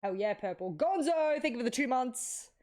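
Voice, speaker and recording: A young woman, streaming live and commentating as she plays, excitable and swearing freely. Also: fairly high pitch, moderate pace. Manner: excitable, swears a lot, talks to herself while playing.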